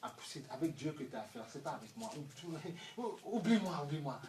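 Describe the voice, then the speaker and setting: A man preaching a sermon with fervor, dropping to hushed asides and rising to shouts, firing rhetorical questions at the congregation. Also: on the high side, very animated, fairly quick. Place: church hall. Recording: echoey room, distant mic, faint noise.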